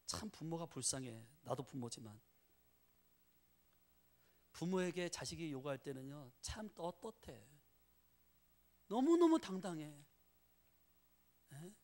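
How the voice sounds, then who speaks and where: A middle-aged male pastor preaching a sermon in an animated way, often prompting the congregation with rhetorical questions. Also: fairly high pitch, a little slow, pauses often.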